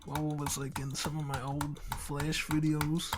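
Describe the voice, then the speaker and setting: A man hosting a casual comedic podcast, joking deadpan with plenty of fillers. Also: fairly high pitch, measured pace. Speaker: podcast host.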